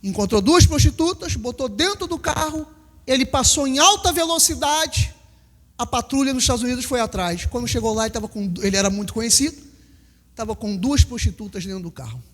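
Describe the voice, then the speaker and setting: A high-pitched man in his fifties from Brazil preaching a lively sermon in a church hall. He hammers his warnings with repetition and acts out small scenes for the congregation. His voice rings with a long hall reverb. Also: brisk. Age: 50s. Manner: emphatic, repeats lines, acts out little scenes. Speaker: pastor.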